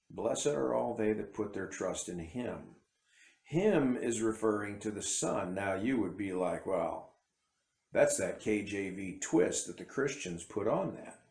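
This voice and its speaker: Speaking slowly in a low, expressive, creaky voice with a darkish tone, an independent bible teacher offers conversational commentary to camera. He rambles and interrupts himself, restarting sentences, and the room is echoey; English is his first language.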